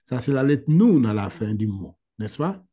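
A man teaching Quran letter reading over a video call, patient and repeating sounds slowly for his student. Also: medium pitch, big pitch swings, mellow, husky. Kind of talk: online one-on-one lesson.

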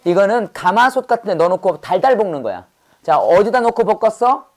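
A woman teaching English vocabulary in a brisk call-and-response drill. She fires off quick questions and repeats each word over and over. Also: medium pitch, very animated, darkish tone.

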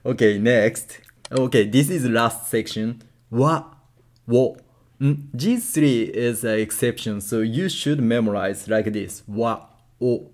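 A man with a Japanese accent teaching a casual language lesson, repeating syllables slowly for drills and saying "okay" often. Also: medium pitch, darkish tone.

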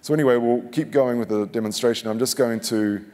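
This is a man in his forties doing a relaxed, jokey product demo live at a conference, often stopping mid-sentence to start over. He sounds warm and brisk at a medium pitch. The audio comes through a headset mic with the long reverb of a big hall.

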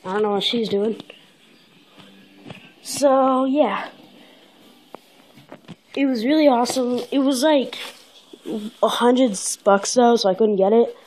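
A woman's voice: a little high, takes it slowly, pauses often, darkish tone, a little hiss or hum. Upbeat rambling woman vlogger. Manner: rambling, upbeat, lots of fillers. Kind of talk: casual vlog chat.

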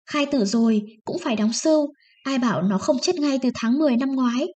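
A woman voicing a harsh, bullying male village chief who snaps and shouts at the villagers. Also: sits high, a little fast, natural voice. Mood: angry. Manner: snapping, shouting.

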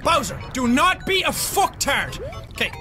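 A man raging at a video game, yelling and swearing in frantic bursts over game music. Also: very high-pitched, big pitch swings, unhurried. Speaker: gaming video creator. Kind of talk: raging let's-play commentary.

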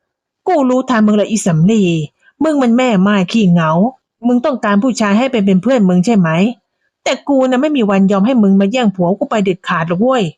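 A woman voicing a jealous, furious old village wife who curses and accuses in a slow, drawn-out way. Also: mid-range voice, darkish tone, no room sound, muffled recording, natural voice. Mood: furious, cursing. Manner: cursing, accusing, drawn-out delivery.

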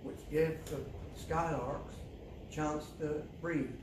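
Older farmer, distant outdoors. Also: male voice, fairly high pitch, fairly even intonation. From England. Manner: plain-spoken, unhurried, halting with fillers. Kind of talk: outdoor interview walk. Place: outdoors on farmland. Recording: roomy, distant with loud outdoor noise.

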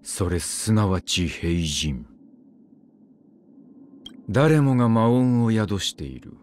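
In this game voice-line performance, a man plays a brooding, weary immortal swordsman, speaking in terse, clipped phrases. His voice is low, curt and grim, yet slow, a little mellow and lively in intonation. A slight hiss or hum sits under the recording.

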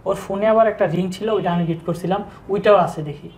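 A young man with speech, telling his own story in a halting, subdued way with frequent restarts. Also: high-pitched, darkish tone. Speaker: interview guest telling his breakup story. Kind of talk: casual personal storytelling. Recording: echoey room with faint background noise.

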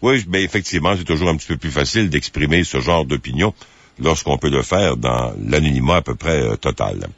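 A late-night radio host with a very low voice, talking slowly and carefully, often pausing on fillers. The sound is dry and muffled, like broadcast audio. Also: male voice, expressive, a bit bright, dry recording. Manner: measured, hesitant with many fillers. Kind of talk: phone-in radio talk.

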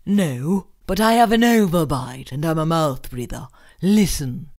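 Timid bookish monster dude, deep and breathy, drawls slow, as a lady reader puts him on. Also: expressive. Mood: polite. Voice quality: low breathy voice. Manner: slow, formal, softly complaining. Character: timid bookish male monster, mild and proper. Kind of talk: children's storybook read-aloud.

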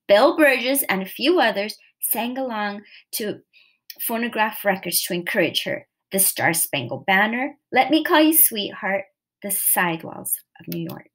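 Woman reading a true story aloud. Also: a little high. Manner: reads steadily with occasional slips and self-corrections. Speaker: narrator.

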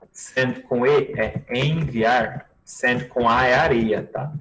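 A man's voice: medium pitch, a bit bright, a little hiss or hum, poor audio. A man teaching English in an online lesson, patiently repeating each word and phrase for his students over a video call.

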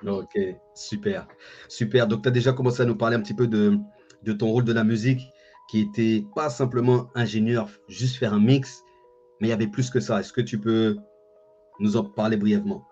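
The host, a man in his thirties, keeps a casual interview going and often says things twice. His voice is lowish and warm, fairly even in intonation, at normal speed. He's on a video call in an indoor room with a bookshelf; the sound is dull, lo-fi, with background music.

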